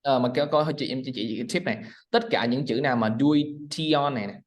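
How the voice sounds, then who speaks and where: A man tutoring English pronunciation over a video call, patiently repeating words slowly for his student. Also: mid-range voice. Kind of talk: one-on-one online lesson.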